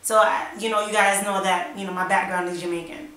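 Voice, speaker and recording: A woman's voice: mid-range voice, steady tone, fairly quick, a bit bright. A young woman from New York and Florida rambling through a casual storytime for her channel, full of "like" and "yo". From United States, New York and Florida. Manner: rambling and chatty, lots of "like" and "yo". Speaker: vlogger. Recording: echoey room, mic at a distance.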